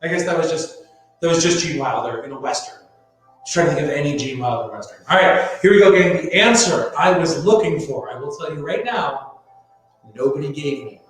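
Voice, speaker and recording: Echoey, high-pitched man hosting a live quiz. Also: animated, fairly quick. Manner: playful showman, casual asides to viewers. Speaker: host of a live-streamed trivia game show. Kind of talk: live quiz show hosting, chatting with viewers. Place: echoey room. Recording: very echoey reverberant space, music behind. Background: music.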